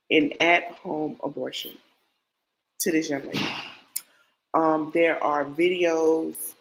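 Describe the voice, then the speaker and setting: Here a true-crime podcast host with a cold speaks in a low, nasal, stuffy voice, and the audio is poor. Chatty and casual, she drifts and repeats herself while talking straight to her audience.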